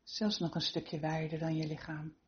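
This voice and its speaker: A woman leading a guided relaxation meditation with soothing, unhurried instructions and gentle encouragement. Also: low voice, flat delivery, highs cut off.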